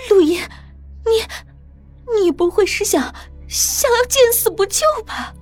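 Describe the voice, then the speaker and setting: A woman's voice: extremely high pitch, very animated, a little fast, faint music behind. A woman voicing a terrified young woman who stammers out trembling questions. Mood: frightened, pleading.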